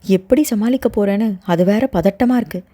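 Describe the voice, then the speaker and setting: A woman's voice: mid-range voice, moderate pace, dark tone, natural voice. A woman voicing an anxious young woman in love, who talks in a hesitant, pleading way.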